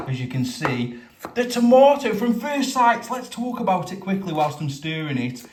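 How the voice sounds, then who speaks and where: A man giving a casual food review to camera as the host, with drawn-out, emphatic presenter phrasing. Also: sits high. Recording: roomy, echoey indoor sound.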